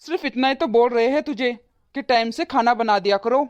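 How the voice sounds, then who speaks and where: A woman's voice: on the high side, a little fast, highs cut off, close to an everyday voice. A woman voicing a stern, lecturing elderly father-in-law in a cartoon. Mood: scolding. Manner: scolding, lecturing. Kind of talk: cartoon voice acting.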